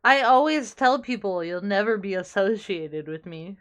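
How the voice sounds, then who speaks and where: A woman's voice: medium pitch, lively intonation, normal speed, a crowd in the background. A woman hosting a livestream in casual chat, crude and mock-serious as she jokes. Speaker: livestream host.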